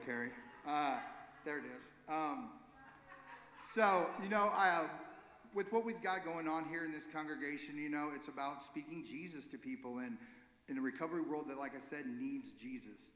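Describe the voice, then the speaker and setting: A man leading a recovery ministry gives an informal, earnest church talk, halting and correcting himself as he goes. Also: a little high, a bit bright. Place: church sanctuary. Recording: echoey hall with long reverb.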